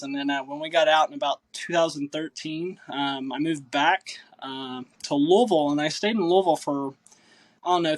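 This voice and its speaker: A man's voice: fairly high pitch, dry recording. A man in his thirties from Kentucky with a Southern accent, chatting casually as a podcast guest and rambling with lots of uh and um. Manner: relaxed, rambling with many uh and um. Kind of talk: casual chat.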